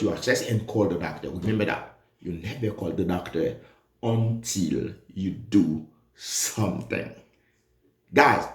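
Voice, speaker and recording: A Haitian man whose first language is Haitian Creole gives an emphatic nursing exam review lesson, his fairly low voice sounding echoey in the room. He's animated and keeps repeating the key points.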